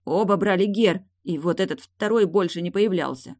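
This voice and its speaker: A woman's voice: on the low side, normal speed, darkish tone, no echo, studio quality, voice pushed up. A woman reading the part of a scared but defiant male drug dealer in an audiobook. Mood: groaning. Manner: whining, defiant.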